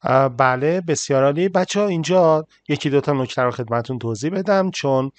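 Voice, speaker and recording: A male English teacher explaining a listening lesson, saying English examples slowly and explaining them quickly. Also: a little high, dry recording.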